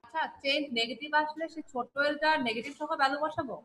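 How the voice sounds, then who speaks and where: A young woman student asking quick, hesitant questions in an online class. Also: high voice, bright, forceful tone, slight background noise.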